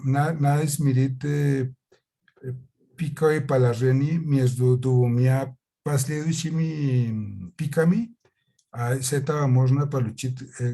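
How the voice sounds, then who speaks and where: Foreign-accented guy presenting slides, non-native, mellow soft-edged voice, slow and halting, hunting for words. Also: mid-range voice. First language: not Russian. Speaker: conference presenter.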